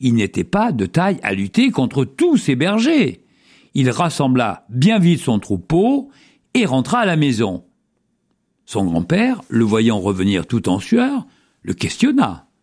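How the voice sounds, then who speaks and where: Slow, lively-toned male storyteller. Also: mid-range voice, breathy edge. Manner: measured, moral-of-the-story delivery. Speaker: storyteller and columnist. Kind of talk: storytelling narration.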